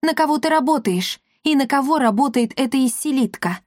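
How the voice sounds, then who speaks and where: A woman's voice: sits high, lively intonation, brisk, a little mellow, no room sound, clean studio sound, voice pushed up. A woman voicing a determined young girl who presses with demanding questions.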